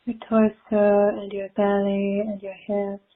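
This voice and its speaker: On muffled, phone-quality audio from a live call, a woman softly leads a spiritual meditation. Her mid-range delivery is even and monotone, calm and gentle, with long pauses throughout.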